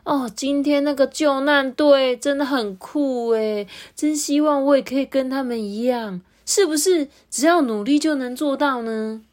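A woman acting out a sleepy young male earthworm in a read-aloud children's story. He sounds high and childlike, with a whiny, stretched-out way of talking. His speech carries a Taiwanese Mandarin accent. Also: a little slow, few pauses, darkish tone. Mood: relieved.

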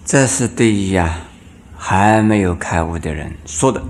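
A man, a Buddhist master, giving a dharma lecture. He explains patiently, puts rhetorical questions to his listeners, and chants verse lines slowly. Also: low-pitched, lively intonation.

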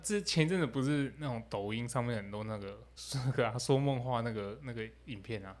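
A young man, co-hosting a podcast in relaxed casual chat, chuckling and quick to joke. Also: mid-range voice. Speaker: podcast co-host.

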